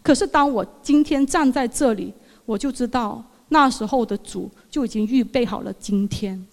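A woman's voice: a little high, creaky, a little mellow. Woman, churchgoer giving testimony; emotional, repetitive, earnest delivery in a hall with long reverb. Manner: earnest, halting, repeats words.

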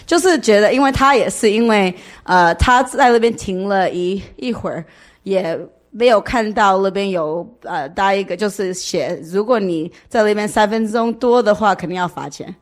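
A woman's voice: mid-range voice, moderate pace. A woman with a foreign accent telling a personal story informally in non-native Mandarin, searching for words and mixing in English. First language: not a native Mandarin speaker. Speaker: speaker giving a testimony.

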